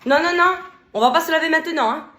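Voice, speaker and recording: A woman's voice: sits high, quick pace, pushed and bright, echoey room, pitched above the performer's own voice. A woman voicing a nagging mother in a comedy sketch, scolding and bossy.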